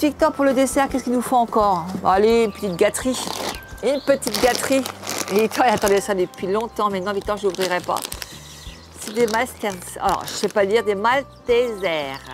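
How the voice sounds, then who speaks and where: A woman's voice: medium pitch, moderate pace, long pauses, music in the background. An older woman hosting a home cooking channel, chatting casually and homely to the camera as she unboxes food, often restarting her words.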